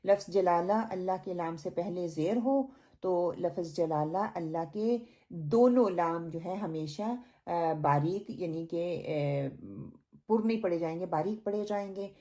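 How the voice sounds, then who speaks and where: A woman teaching a recitation lesson, stretching out each sound in slow demonstrations and then correcting common mistakes. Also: lowish voice, warm tone. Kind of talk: online tajweed lesson.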